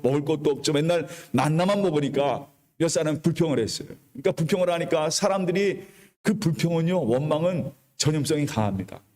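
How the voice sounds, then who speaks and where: A man's voice: on the high side, mellow. Preaching man in a reverberant church. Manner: preaching with call-and-response to the congregation; retells the story in colloquial storytelling tone. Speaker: pastor. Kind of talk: sermon. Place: church sanctuary.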